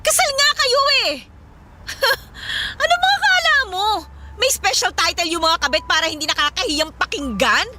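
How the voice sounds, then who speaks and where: A woman acting in a radio drama as a tipsy, hurt and angry young woman who throws sharp, accusing retorts. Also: very high voice, lively intonation, normal speed, very noisy. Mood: distraught.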